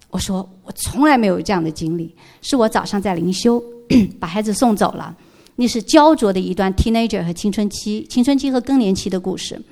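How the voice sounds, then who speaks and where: A woman's voice: mid-range voice, creaky. A middle-aged woman giving an emotional church testimony, telling her story earnestly and dropping in English words.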